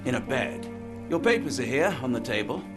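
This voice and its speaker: A man's voice: medium pitch, big pitch swings, a little fast, over music, lightly acted. A man playing a polite, dryly exasperated British army doctor in a video game cutscene. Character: exasperated, well-mannered male army doctor, dry-humoured companion.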